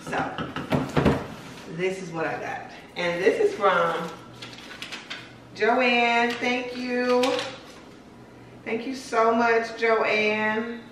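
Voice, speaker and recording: Slow, chatty young woman in an echoey house. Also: on the high side, steady tone, a bit bright, slight background noise. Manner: chatty, unhurried, listing items aloud. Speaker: home vlogger. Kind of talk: casual vlog narration. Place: large bare-walled house indoors. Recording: echoey room, mic at a distance.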